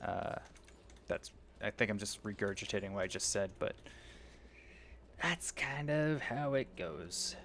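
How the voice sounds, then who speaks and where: Young man, low voice, rambling game commentary, meandering chat, faint background noise. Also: expressive, measured pace, pauses often, a bit bright. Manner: rambling, meandering, self-interrupting. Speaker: gaming video creator. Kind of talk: casual gameplay commentary.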